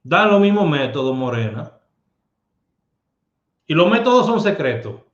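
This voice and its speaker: A man's voice: on the high side, very animated, unhurried. A man giving streetwise advice in a casual monologue, emphatic and full of rhetorical questions. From Dominican Republic. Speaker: lottery numerologist host. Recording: echoey room, dull lo-fi sound.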